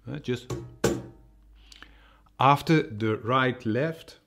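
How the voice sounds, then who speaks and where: A man teaching a cajon rhythm, explaining slowly and patiently with many fillers and spoken drum sounds. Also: medium pitch, fairly bright tone, soft background music. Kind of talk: music tutorial.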